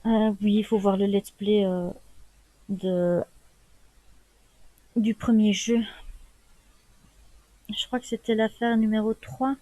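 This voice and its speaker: A woman's voice: mid-range voice, slow pace, long pauses, lo-fi sound. Woman reading game text over music. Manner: even, casual reading with soft asides. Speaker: let's play host. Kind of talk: reading game text aloud in a let's play.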